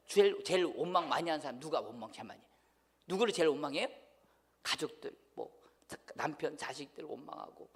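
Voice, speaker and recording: A man preaches in a church, his voice high and gravelly with lots of fry. He swings from ringing exhortation down to near-whispered asides and keeps asking the congregation questions. The sound carries a long hall reverb. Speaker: pastor. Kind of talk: sermon. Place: church sanctuary.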